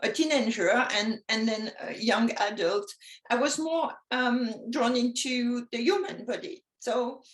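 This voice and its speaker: A woman from France with a French accent, speaking English as a guest in a casual interview, talking slowly with many pauses and soft laughs. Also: on the high side. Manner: slow, halting, many ums, soft laughs. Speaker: guest artist. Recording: echoey room.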